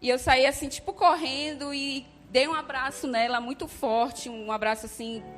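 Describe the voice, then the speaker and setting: A woman's voice: sits high, steady tone, moderate pace. A woman giving a heartfelt personal faith testimony, hesitant and often checking in with her listeners. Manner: heartfelt, hesitant, frequent "né?" tags. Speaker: church member giving testimony. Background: faint music.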